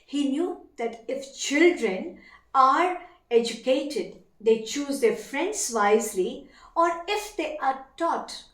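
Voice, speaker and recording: A woman with an Indian accent delivering formal competition oratory in a declamatory, deliberate, emphatic manner with dramatic pauses. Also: fairly high pitch, a bit bright. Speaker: teacher competing in elocution contest. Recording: echoey room.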